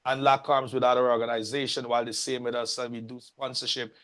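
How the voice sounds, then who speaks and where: A man's voice: medium pitch, level tone, fast, fairly bright tone. Man chairing a meeting, formal and welcoming. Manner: formal, welcoming, addresses people by title.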